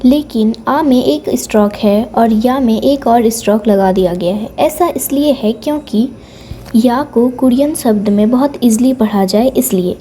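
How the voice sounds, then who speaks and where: A woman giving a patient language lesson, repeating each sound slowly to demonstrate. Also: fairly high pitch, dark tone, a little hiss or hum. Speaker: language teacher on her own channel. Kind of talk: slow explanatory lesson, mixing Hindi and English.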